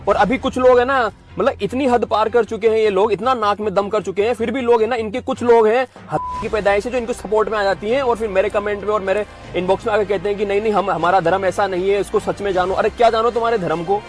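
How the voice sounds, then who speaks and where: A woman's voice: mid-range voice, fairly even intonation, quick pace, soft background music. A woman delivering an angry, indignant political rant straight to camera. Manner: heated, indignant, repetitive.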